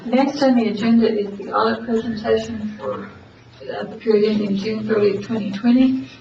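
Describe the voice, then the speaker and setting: A woman's voice: fairly high pitch, fairly even intonation, normal speed, vocal fry. A woman speaking through a face mask, making formal meeting remarks as board chair. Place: public board meeting room. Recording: echoey room, distant, dull, noisy.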